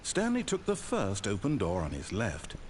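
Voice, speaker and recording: An actor playing a wry, all-knowing storyteller in a video game, narrating with pompous, dry sarcasm and exasperation. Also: male voice, on the low side, wildly swooping pitch, normal speed, husky, full character voice. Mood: measured, storytelling.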